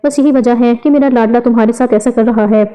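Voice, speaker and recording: A woman voicing a kind, doting older mother-in-law in a read-aloud story, gentle and soothing. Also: a little high, fairly even intonation, close to an everyday voice, low-quality recording.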